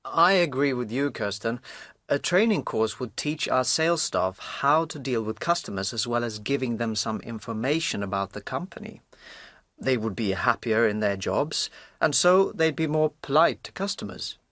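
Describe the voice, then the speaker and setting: A man's voice: medium pitch, expressive, normal speed, fairly bright tone, dry recording, lightly acted. A man playing a polite, reasonable businessman in scripted language-course dialogues. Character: polite, reasonable businessman, colleague and air traveller.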